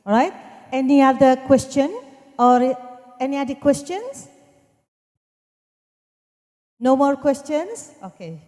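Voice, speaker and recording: A woman's voice: sits high, lively intonation, measured pace, darkish tone. A woman with an Indonesian accent moderating conference questions, hesitant and repeating her instructions. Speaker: session moderator. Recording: echoey hall with long reverb.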